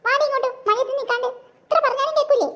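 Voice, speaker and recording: A woman voicing a strict cartoon mother who shouts and scolds. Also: very high voice, racing. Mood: angry.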